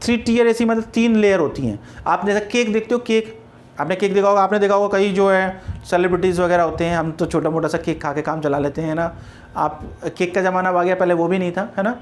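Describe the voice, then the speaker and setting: High-pitched male teacher. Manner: explains slowly, repeating words and spelling them out letter by letter. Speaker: English grammar teacher. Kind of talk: classroom-style lecture.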